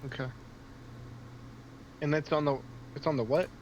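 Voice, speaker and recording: A man's voice: on the high side, steady tone. A man playing a tabletop game, speaking hesitantly in a casual way. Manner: hesitant, slow, drawled. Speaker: player.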